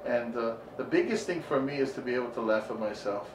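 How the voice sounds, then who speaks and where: A pastor from Maui, Hawaii, who talks softly and hesitantly as he tells rambling stories in an interview. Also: medium pitch, animated, a little fast. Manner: soft-spoken, hesitant, rambling. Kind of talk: casual interview storytelling. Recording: roomy, distant, noisy recording.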